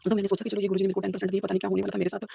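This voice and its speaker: A Punjabi school teacher in her fifties records an earnest devotional testimony on her phone in a room at home, repeating herself often and slipping English words into her speech. Her medium-pitched voice is totally flat, racing, breathy and full of vocal fry, and the audio sounds dull.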